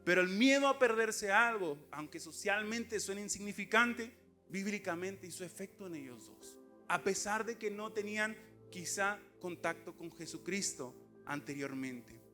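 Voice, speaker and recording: A lay preacher, giving an emphatic, conversational sermon to a congregation in a church, full of rhetorical questions and asides. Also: male voice, sits high, expressive, moderate pace, bright, forceful tone, faint music behind. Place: church sanctuary.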